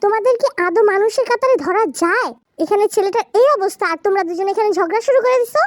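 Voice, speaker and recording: A woman's voice: very high-pitched, fast talker, no room sound, voice pushed up. A woman voicing a stern, irritated grandfather in a storybook drama who orders the family about. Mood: scolding. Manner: scolding, giving orders.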